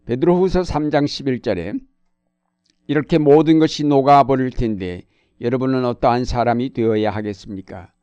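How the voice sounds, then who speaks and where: A man preaching a sermon as pastor, in a calm, measured delivery with slow, weighty scripture readings. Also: medium pitch, clean tone, no room sound, lo-fi sound.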